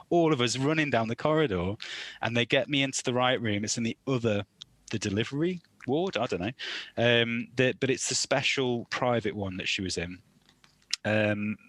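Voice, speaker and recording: An English man in his thirties chats on a casual podcast, telling a long story with lots of energy and loud acted-out quotes. His voice sits at a middle pitch. The recording is dry and close. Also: dry recording. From England. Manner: animated storyteller, acts out quoted lines loudly. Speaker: podcast co-host, new father.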